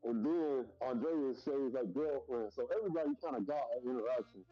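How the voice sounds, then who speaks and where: A man's voice: mid-range voice, quick pace, soft background music. Man with a muffled call mic. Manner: laid-back, lays out points step by step. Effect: muffled voice over an online call. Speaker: co-host of a comics review stream. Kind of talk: casual group discussion. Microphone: online voice call.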